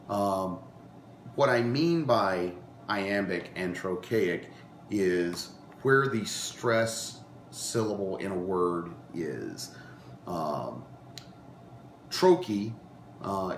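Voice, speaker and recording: Slow-spoken man teaching a class in a roomy space. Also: sits low, slight background noise. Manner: unhurried, frequent ums and uhs, restarts. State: recovering from a cold, coughing. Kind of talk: informal lecture to a class. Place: meeting room with a class.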